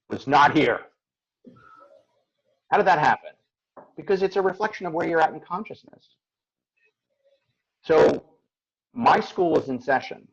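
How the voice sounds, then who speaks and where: A man's voice: medium pitch, vocal fry, dull audio. A man hosting a motivational call, talking in an earnest, reflective way and acting out his own inner voice. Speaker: host and coach. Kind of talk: casual motivational talk on a call.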